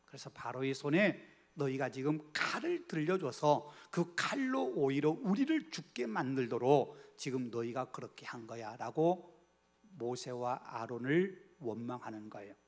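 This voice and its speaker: A man's voice: medium pitch, sing-song, measured pace. A man preaching a Bible study sermon as pastor in a church, earnest and asking the congregation rhetorical questions, sometimes dropping to a near whisper.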